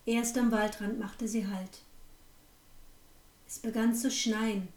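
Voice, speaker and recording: A woman reads a fairy tale aloud in a calm, even voice. Her voice is fairly high and mellow. It carries an echoey room sound and stays a little distant from the mic. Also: slow. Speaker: narrator.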